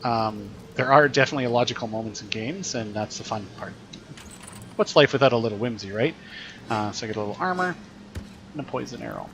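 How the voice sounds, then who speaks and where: A man's voice: mid-range voice, fairly quick, background noise. A man teaching while he plays a video game, explaining what happens in a chatty way and thinking aloud. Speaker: teacher streaming gameplay. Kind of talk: casual gameplay commentary.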